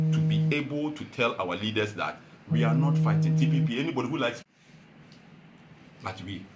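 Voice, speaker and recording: Animated Ghanaian man giving a rousing speech. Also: echoey room. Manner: animated, swings from loud calls to low earnest tones. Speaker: party founder addressing a meeting.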